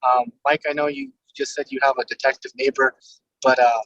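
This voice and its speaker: A man's voice: mid-range voice, flat delivery, brisk, fairly bright tone, dry recording, highs cut off. A man, a police commander, calling in hands-free on a car speakerphone while driving, speaking carefully and politely and taking care not to misspeak. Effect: car speakerphone call. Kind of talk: community meeting remarks. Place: inside a moving car. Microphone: hands-free car phone.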